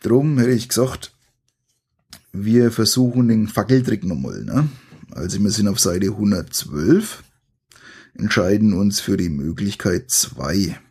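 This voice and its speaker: A man's voice: lowish voice, lively intonation, unhurried, darkish tone, husky. A man reading an adventure gamebook aloud to listeners, with chatty, colloquial asides between the passages. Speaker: reader of a gamebook.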